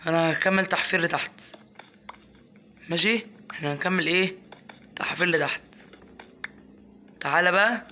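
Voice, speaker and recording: A young man with an Egyptian Arabic accent giving casual gameplay commentary, coaxing and scolding his in-game pet and breaking into excited yelps. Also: high-pitched, normal speed, pauses often, a little hiss or hum. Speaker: gaming YouTuber.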